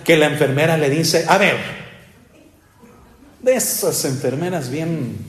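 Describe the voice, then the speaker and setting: A male pastor, preaching a sermon in an animated storytelling way, leaping in pitch and stretching emphatic words. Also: roomy sound. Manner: storytelling, peppers speech with rhetorical tags to the congregation. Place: church.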